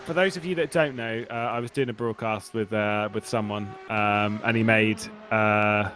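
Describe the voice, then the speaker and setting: A man's voice: fairly low pitch, moderate pace, soft background music. Chatty man commenting on a race. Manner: chatty, laughing, many restarts. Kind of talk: casual commentary chat. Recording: steady background noise.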